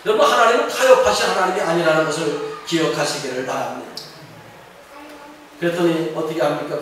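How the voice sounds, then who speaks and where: A man preaching a sermon as pastor, emphatic, swinging between loud rises and quiet drops, reading scripture aloud. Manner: emphatic preaching, rising and falling pitch, reads scripture aloud. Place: small church sanctuary. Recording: echoey church hall from far off, faint background noise.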